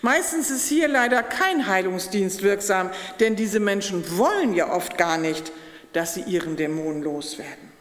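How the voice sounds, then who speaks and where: A woman pastor giving a sermon, earnest and emphatic, with slow deliberate pauses. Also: medium pitch, animated. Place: church. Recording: echoey church hall.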